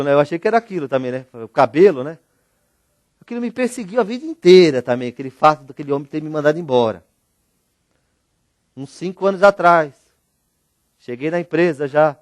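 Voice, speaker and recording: Animated Brazilian man telling stories on stage. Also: fairly high pitch, no room sound, clean studio sound. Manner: animated, jokey, addresses audience directly. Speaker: motivational speaker. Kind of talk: storytelling keynote talk.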